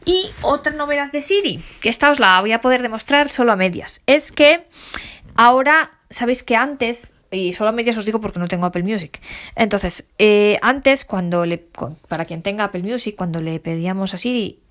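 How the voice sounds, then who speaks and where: A woman's voice: a little high, animated, moderate pace, a bit bright. A woman with a Spain Spanish accent, a podcast host walking listeners through phone settings step by step. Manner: chatty, explains step by step to listeners. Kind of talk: tech tutorial walkthrough.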